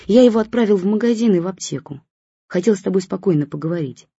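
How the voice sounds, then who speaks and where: A woman's voice: medium pitch, animated, quick pace, mellow, husky, no echo, pitched above the performer's own voice. Woman doing grumpy frail old man. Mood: pleading. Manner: reproachful, bossy, wry. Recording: dull lo-fi recording.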